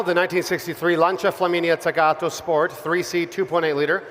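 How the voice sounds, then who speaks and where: A man with a fairly high voice presents auction lots from a script. His delivery is formal and measured. The sound carries the long reverb of a big hall. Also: a bit bright. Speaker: auction lot announcer. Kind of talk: scripted formal lot descriptions.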